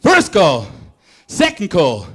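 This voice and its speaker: A man working as an auctioneer, calling bids in a rapid, rhythmic, repetitive chant. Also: high voice, huge pitch swings, slightly rough. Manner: repetitive rolling bid-calling.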